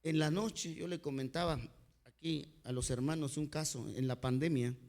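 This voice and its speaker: A man's voice: fairly high pitch, fairly even intonation, moderate pace. A male pastor with a Mexican accent, preaching a sermon through heartfelt personal stories. He keeps calling his listeners "brother" as he builds each point. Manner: earnest storytelling, often addressing listeners as "hermanito"; dynamic delivery, sudden swings in loudness.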